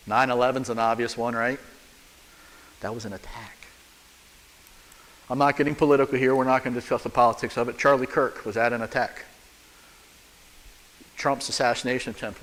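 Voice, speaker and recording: A man, a church elder, preaching a sermon in a conversational way, full of rhetorical questions and humor, in a church sanctuary. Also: mid-range voice. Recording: long church reverb.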